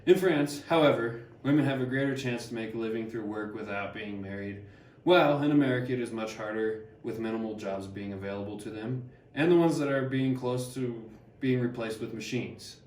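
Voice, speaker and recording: Harriet Martineau, read flatly by a young man. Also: mid-range voice, fairly quick, lightly acted. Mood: measured. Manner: reads plainly with small stumbles. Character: Harriet Martineau, older woman, learned traveler. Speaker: student actor. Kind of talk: amateur class skit read from script. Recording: echoey room, distant mic.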